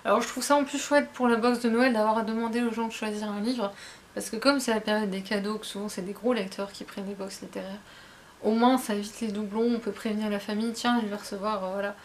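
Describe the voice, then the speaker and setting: A woman's voice: mid-range voice, steady tone, fast talker, a little hiss or hum. A young woman chatting casually to camera while unboxing a book box at home, with lots of fillers and restarts. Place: at home, indoors.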